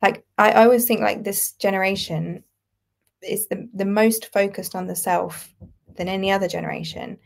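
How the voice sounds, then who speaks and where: A woman's voice: medium pitch, fairly even intonation, moderate pace, vocal fry. A British woman in her twenties, a writer and podcast guest, speaking thoughtfully in a casual conversation. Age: 20s.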